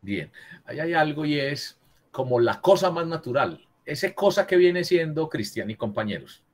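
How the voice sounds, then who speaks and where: Husky male teacher on a video call. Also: on the high side, lively intonation, moderate pace. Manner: corrects students, keeps asking "¿cierto?". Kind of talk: virtual class lesson on writing.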